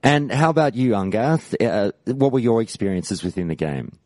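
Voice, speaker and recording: A podcast host with a lowish voice introduces callers at a normal pace, lively and upbeat in classic presenter style. There's no echo.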